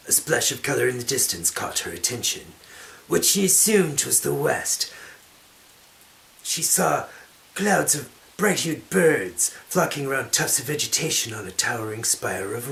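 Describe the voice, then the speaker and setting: A man delivers dramatic narration of a fantasy novel like a stage performance. His reading is hammy and theatrical, at a very unhurried pace. Music runs underneath. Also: medium pitch, vocal fry, a bit bright, a little hiss or hum, low-quality recording. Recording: music behind the voice.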